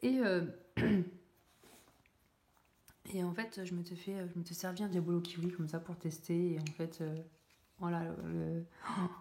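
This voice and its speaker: A woman's voice: fairly low pitch, level tone, measured pace, long pauses, darkish tone. Young woman hobby vlogger, chatty and rambling, recorded in a roomy, echoey space. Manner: rambling, many fillers and self-corrections, laughs at herself. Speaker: coloring YouTuber. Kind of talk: casual chat while coloring.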